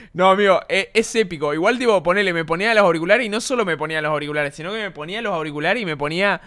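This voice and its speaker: A man's voice: sits high, quick pace, bright, forceful tone. A young man with an Argentine accent, chatting casually on a stream in a rambling, slangy way, swearing often. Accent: Argentine Spanish.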